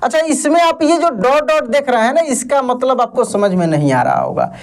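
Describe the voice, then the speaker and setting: A man's voice: very high-pitched, huge pitch swings, normal speed. A man teaching an online lesson, patiently asking questions and answering them himself while reassuring learners. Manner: reassuring, tells learners not to worry. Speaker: Hindi teacher.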